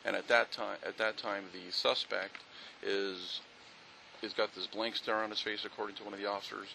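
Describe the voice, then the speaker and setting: Male police officer, low gravelly voice, methodical on-scene briefing, outdoors, faint ambience. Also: steady tone, moderate pace, sharp tone, slight background noise, poor audio. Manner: methodical, factual, with fillers.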